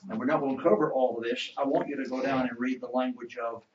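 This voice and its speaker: Talking fast in a medium-pitched, fairly even voice, a man leads an interactive Bible lesson in a church classroom. He quotes scripture, poses questions and pauses for the class to answer. Slight background noise accompanies the roomy, distant, dull church recording.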